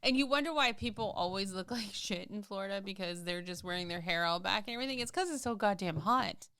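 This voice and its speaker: A woman's voice: medium pitch, animated, quick pace, pushed and bright, smooth, no room sound. Chatty laughing woman, dry sound. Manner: chatty, laughs often, jokey. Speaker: podcast co-host. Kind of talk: casual chat.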